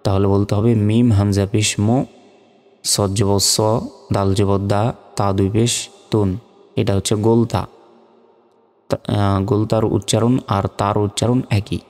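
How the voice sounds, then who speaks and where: A man's voice: fairly low pitch, a little mellow, big-room sound. A man teaching Quran reading, spelling out each letter and vowel mark syllable by syllable. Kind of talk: step-by-step spelling lesson.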